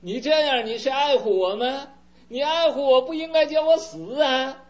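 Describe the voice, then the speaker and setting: Brief: man putting on a high, shouting young son, indignant, dull lo-fi tape with hum. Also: moderate pace. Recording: dull lo-fi recording with faint hum.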